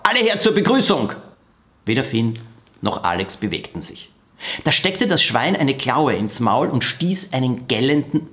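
Expressive man reading a children's book. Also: medium pitch. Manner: expressive storytelling. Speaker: author reading his book.

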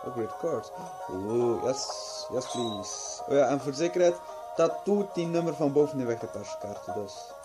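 Game music plays in a small home room as a drowsy young adult man, a gaming video host, offers casual commentary at normal speed. His medium-pitched voice is animated, and he rambles, mutters to himself, and occasionally swears.

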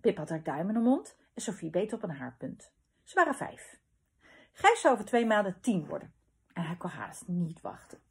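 A woman reading a children's story aloud in a lively, expressive way, with a husky voice. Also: fairly low pitch, moderate pace.

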